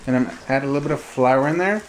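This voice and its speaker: Talking fast in a medium-pitched voice, a man presents a recipe from his kitchen stove, walking viewers informally through each step. The clear sounds of sizzling, frying and stirring fill the background.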